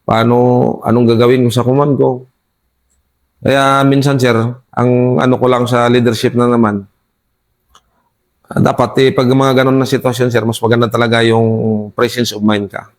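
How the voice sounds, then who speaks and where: A man with a Filipino accent, a soldier recounting a firefight to an interviewer, halting, restarting often and politely addressing his listener as sir. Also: medium pitch, level tone. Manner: deferential, says "sir" constantly, halting with many restarts. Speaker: soldier telling his combat story. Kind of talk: recounting a war story in an interview.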